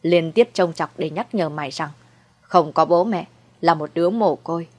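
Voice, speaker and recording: A woman's voice: on the low side, normal speed, lightly acted. A woman doing a cruel old sorceress mother-in-law. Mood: contemptuous. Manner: mocking, sweetly cold then shrieking.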